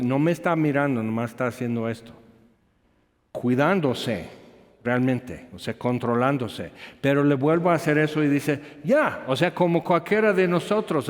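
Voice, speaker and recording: A man's voice: on the high side, a little mellow. Man preaching in a reverberant hall. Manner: storytelling with anecdotes and asides. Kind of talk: sermon.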